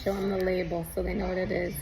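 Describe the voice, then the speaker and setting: A woman's voice: on the low side, level tone, quick pace, a crowd in the background. A woman chatting casually for a home video in a playful, teasing way.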